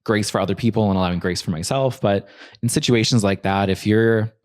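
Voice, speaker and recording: A man's voice: fairly low pitch, brisk. A young man from the American Midwest, a drag performer and piercer, chatting playfully as a podcast guest, laughing often and filling his talk with "like.". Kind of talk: casual podcast chat.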